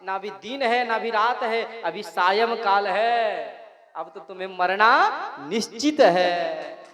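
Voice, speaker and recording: A man's voice: high voice, slow, a bit bright. A man doing a stern man-lion god. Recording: reverberant hall with music behind.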